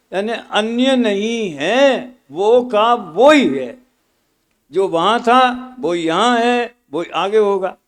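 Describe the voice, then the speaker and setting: A man's voice: sits high, clear, resonant tone. A man teaching scripture at a study camp, explaining terms patiently with homely examples and repeating key words.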